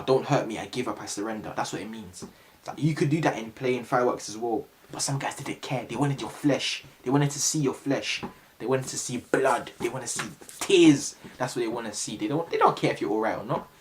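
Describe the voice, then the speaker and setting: A man's voice: mid-range voice, slight background noise. A young man telling a story to camera in a casual, slangy way. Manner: animated, slangy, bursts of shouted sound effects.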